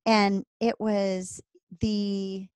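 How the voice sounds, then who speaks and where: A woman in her thirties co-hosting a faith podcast in casual chat, chatty and quick to laugh at herself. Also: mid-range voice, little pitch movement, darkish tone, clear, resonant tone, no room sound. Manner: chatty, laughs easily, self-deprecating. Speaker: podcast co-host.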